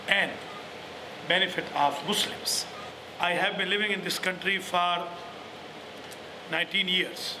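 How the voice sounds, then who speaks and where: Earnest high-voiced man welcoming guests. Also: background noise. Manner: formal, earnest, non-native phrasing. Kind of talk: welcoming speech to visitors.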